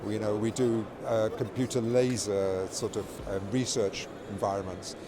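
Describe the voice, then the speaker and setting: At a busy trade show exhibition hall, a middle-aged or older man who is a company product executive gives an informal interview, repeating words and restarting phrases as he explains. His voice is fairly low and flat at a moderate pace, with loud, clearly audible show floor noise all around.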